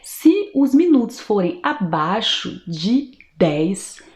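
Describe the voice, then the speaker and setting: A Brazilian woman gives a patient online language lesson, explaining step by step and slowing down to model each word. Her voice is mellow and warm, and it rings in a roomy, echoey space. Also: mid-range voice, big pitch swings. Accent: Brazilian Portuguese. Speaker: French teacher.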